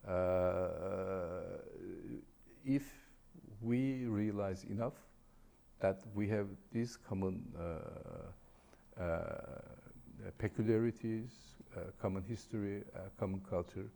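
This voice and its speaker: A man answering as an interview guest, speaking haltingly with many hesitant pauses. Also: sits low, creaky, dark tone.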